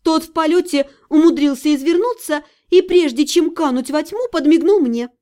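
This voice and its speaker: A woman's voice: high voice, normal speed, dark tone. A woman narrating a first-person fantasy story with a wry tone. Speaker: audiobook narrator.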